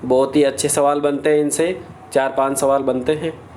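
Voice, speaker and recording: A man's voice: medium pitch, flat delivery, moderate pace, a little mellow, a little hiss or hum. A man teaching a grammar lesson, reciting lists of letters in a drilling rhythm and answering his own questions.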